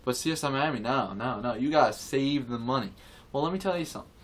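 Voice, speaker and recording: A man's voice: mid-range voice, animated, quick pace. A man ranting to camera in a casual video, rambling and repeating himself, with many restarts, indignant and earnest. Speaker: vlogger. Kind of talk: casual opinion rant to camera.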